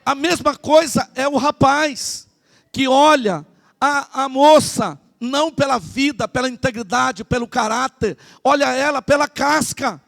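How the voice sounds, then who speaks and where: A male pastor with a Brazilian Portuguese accent preaches an animated sermon at a church service. He calls out to the congregation in a high, gravelly voice. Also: measured pace. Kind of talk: lively sermon.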